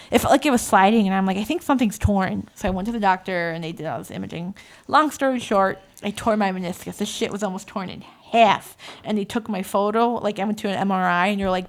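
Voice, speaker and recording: A woman co-hosting a podcast, telling a story in casual, animated chat, swearing often and acting out voices when she quotes. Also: mid-range voice. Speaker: podcast co-host.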